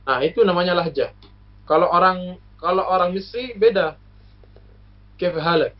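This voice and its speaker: A university alumnus from Lombok, Indonesia, visiting as a guest, explains things in a casual chat, patiently lecturing with many hesitations and examples. His voice is high with lively intonation at a normal speed, captured on a muffled lo-fi recording.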